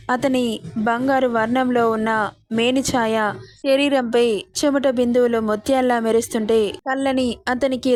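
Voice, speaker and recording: A woman narrating a romance story in a steady, expressive storytelling manner. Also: fairly high pitch.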